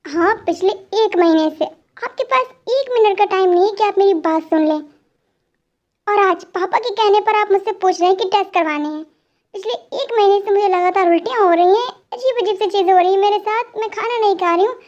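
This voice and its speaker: A woman's voice: extremely high pitch, moderate pace, dull audio. A woman voicing an angry, pregnant young wife who scolds her husband in an amateur fan dub. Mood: scolding. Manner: sharp, sulky scolding.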